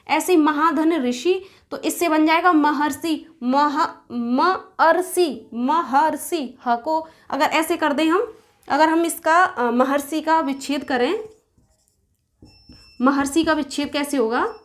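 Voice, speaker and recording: A woman teaching a grammar lesson, asking the class questions and answering them herself, slowing down to spell out sounds and examples. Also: high voice. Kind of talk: Hindi grammar lesson at a board.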